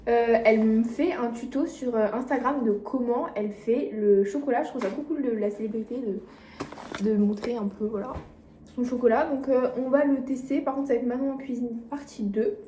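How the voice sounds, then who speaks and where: A woman's voice: fairly high pitch, normal speed, warm tone. A young woman vlogging casually at home in her kitchen, rambling with lots of fillers and poking fun at herself, recorded on a phone. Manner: rambling, filler-heavy, self-mocking. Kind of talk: casual vlog chat. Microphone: phone camera mic. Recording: echoey room, faint noise.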